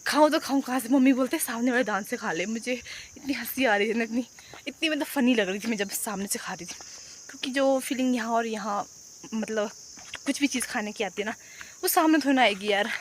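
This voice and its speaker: A woman's voice: a little high, brisk, a little hiss or hum. A young woman chatting casually in a rambling vlog, speaking outdoors around a rural home and fields into a handheld phone. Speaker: vlogger.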